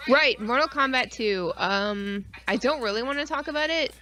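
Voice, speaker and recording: A woman co-hosts a casual live online podcast stream, ranting about films with sarcastic mock outrage and a lot of swearing. Her voice is a little high and sharp in tone, at a normal speed.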